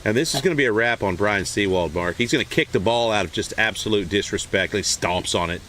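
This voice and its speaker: Male play-by-play commentator, slightly low voice, mock-serious hype, tongue in cheek. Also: fairly quick, a little hiss or hum. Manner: playful, deadpan hype of small moments.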